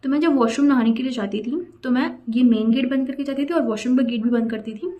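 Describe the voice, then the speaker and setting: A woman's voice: high-pitched, quick pace, dark tone. A young woman telling a personal story in a chatty, indignant way, dropping English phrases into her talk. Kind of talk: casual storytime vlog.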